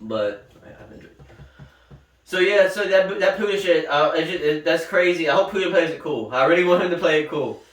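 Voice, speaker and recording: A man's voice: on the high side, lively intonation, brisk, a bit bright. A man co-hosting a comedy podcast, joking crudely, swearing and laughing a lot. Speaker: podcast co-host. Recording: roomy echo, mic at a distance.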